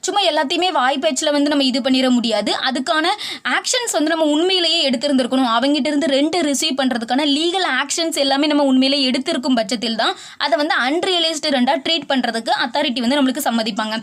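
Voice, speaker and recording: Brief: fast-talking woman tax tutor, high bright pitch, restates rules plainly, video lesson. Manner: mixes English legal terms into Tamil, reads rule text slowly; brisk, repeats points in plain words.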